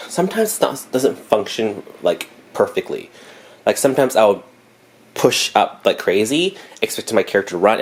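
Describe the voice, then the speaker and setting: A young male vlogger with a fairly low, somewhat breathy voice chats casually in a rambling vlog. He laughs often, corrects himself and sounds congested from allergies.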